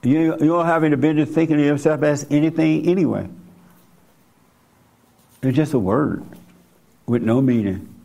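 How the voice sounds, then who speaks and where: Man, spiritual teacher, gravelly voice, blunt, colloquial, informal teaching. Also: a little high, moderate pace, pauses often, warm tone. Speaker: spiritual teacher leading a group. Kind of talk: informal teaching with audience questions.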